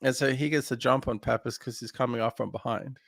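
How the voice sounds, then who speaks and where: A man's voice: medium pitch, fairly even intonation, fast, gravelly, no room sound. A man co-hosting a casual film podcast, recapping scenes in a rambling way with lots of fillers. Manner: rambling recap with many fillers, laughs easily. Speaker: podcast co-host.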